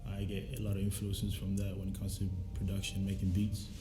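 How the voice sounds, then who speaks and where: This South Sudanese musician, a young man who grew up in Australia, talks a little fast in a low, monotone voice. His interview chat is relaxed, thoughtful, and full of easygoing slang, recorded in a roomy space with soft music behind him.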